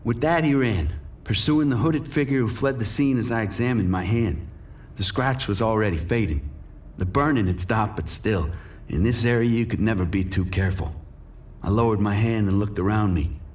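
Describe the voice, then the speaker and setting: Here a man speaks at normal speed in a fairly low, natural voice, with slight background noise. Brooding and cynical, he plays a bitter drug dealer, menacing and profane, narrating his crime story in scripted first-person noir narration and dialogue.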